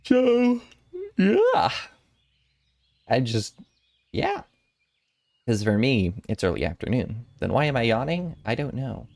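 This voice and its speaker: A man's voice: medium pitch, animated, moderate pace, vocal fry, no echo, clean studio sound. A young man in his twenties chatting casually with viewers on a stream, rambling and playful with giggly asides. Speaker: VTuber streamer.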